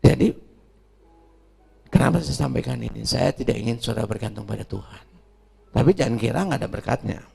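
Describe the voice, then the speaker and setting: A middle-aged male pastor preaching a sermon with personal stories, swinging between quiet asides and loud, emphatic bursts. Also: medium pitch, fairly quick, pauses often, soft background music. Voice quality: gravelly and raspy.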